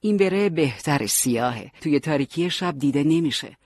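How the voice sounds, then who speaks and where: A man voicing a teasing but caring young male fighter who leads his friends, with a husky voice. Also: fairly high pitch, lively intonation, dry recording, clean studio sound. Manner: joking, bossy yet warm.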